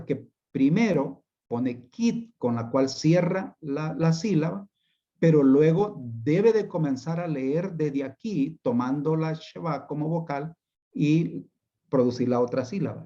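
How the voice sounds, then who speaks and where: Male teacher, slow and mellow, patient step-by-step lecturing over dull video-call audio. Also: fairly high pitch. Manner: slow, patient explaining with repetitions. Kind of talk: online class lecture.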